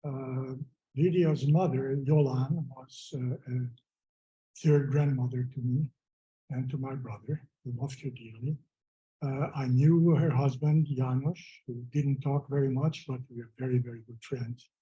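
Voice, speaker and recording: A man from Hungary with a Hungarian accent, speaking as a relative at a memorial, hesitant, with frequent "uh" pauses, into a microphone. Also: medium pitch, fairly even intonation, warm tone, poor audio. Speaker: relative giving remarks. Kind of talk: spoken memorial remarks. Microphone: microphone at a gathering.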